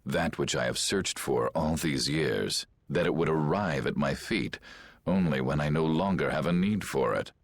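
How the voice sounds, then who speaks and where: A man's voice: very deep voice, moderate pace, slight background noise. A man voicing a scheming, grandiose aristocratic villain in a video game, speaking in a pompous, mocking way. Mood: gloating. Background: game soundtrack.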